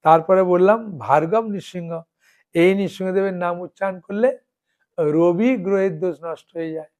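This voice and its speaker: A man, a monk preacher, giving a devotional sermon, often checking that his listeners understand and reciting names slowly one by one. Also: high-pitched, a little mellow. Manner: keeps asking listeners "understood?".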